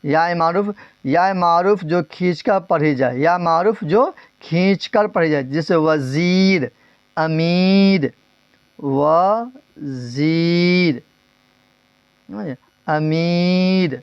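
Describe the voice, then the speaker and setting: A male teacher giving a grammar lesson, asking questions and repeating the answers, drawing some words out slowly and rushing through others. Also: on the high side, no room sound, lo-fi sound. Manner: drills terms, asks and repeats answers; stretches words slowly, then speeds up.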